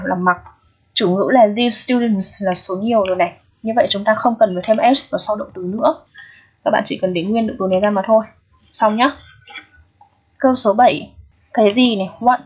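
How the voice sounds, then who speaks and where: Husky-voiced woman teaching grammar. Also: fairly high pitch. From Vietnam. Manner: explains step by step, checks in with students often. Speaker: English teacher. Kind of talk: recorded grammar lesson. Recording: dull, lo-fi sound.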